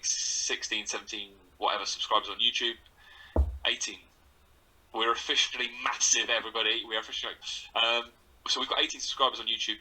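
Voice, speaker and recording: A man's voice: on the low side, sharp tone, breathy edge, poor audio. A man co-hosting a football podcast, chatting casually with lots of laughs and banter. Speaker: podcast co-host. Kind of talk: casual chat.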